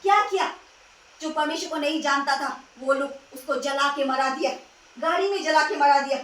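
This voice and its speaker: A woman's voice: high-pitched, moderate pace, fairly bright tone. A woman preaching a sermon, urging listeners with rhetorical questions and repeated phrases. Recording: echoey room from a distance.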